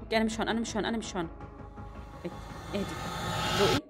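A young woman giving excitable let's-play commentary, with bursts of screaming and quick whispers. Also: mid-range voice, over loud music. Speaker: gaming YouTuber.

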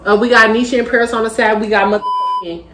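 A woman's voice: on the high side, expressive, quick pace. A woman hosting a casual mukbang vlog, talking in a brash, profane, bossy way. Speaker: vlogger host. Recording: echoey room.

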